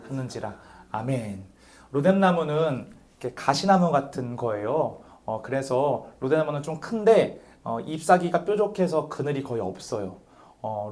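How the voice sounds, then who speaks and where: A man's voice: mid-range voice, a little mellow. A young man preaching a sermon to a youth group as their pastor, asking rhetorical questions and calling on listeners by name.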